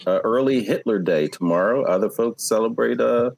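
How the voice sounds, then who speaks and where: A man chatting in a relaxed, thoughtful way over a video call, with plenty of hesitations. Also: mid-range voice, normal speed, gravelly, a little hiss or hum. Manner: relaxed, thoughtful, with many fillers. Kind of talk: casual chat on a video call.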